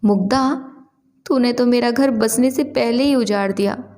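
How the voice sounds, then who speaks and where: A woman's voice: a little high, a little slow, mellow, a little hiss or hum, voice pushed up, lightly acted. A woman voicing a playful, melodramatic young woman teasing her best friend in a story.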